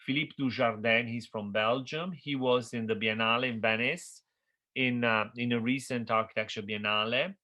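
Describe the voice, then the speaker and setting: Middle-aged man, Italian first language, university lecturer; bright timbre, loose, searching delivery. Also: medium pitch, steady tone, moderate pace. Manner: thinks aloud with frequent fillers and restarts, checks in with "okay?". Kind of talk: architecture history lecture.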